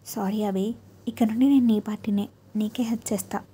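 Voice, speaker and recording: A woman's voice: medium pitch, fairly even intonation, brisk, husky. Woman playing a coaxing young wife. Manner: gentle coaxing pleas.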